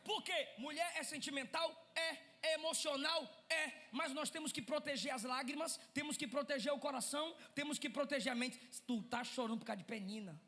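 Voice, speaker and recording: A man preaching a Pentecostal sermon, shifting from shouted lines to quiet asides and calling out to the congregation. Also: very high voice, brisk, few pauses. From Brazil.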